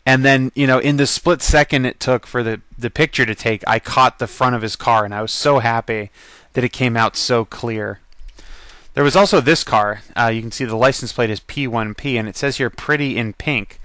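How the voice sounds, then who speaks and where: A man's voice: mid-range voice, normal speed, a bit bright, no room sound. A man casually narrating a slideshow of his convention photos as a voice-over, chatty and rambling, with frequent ums and laughs.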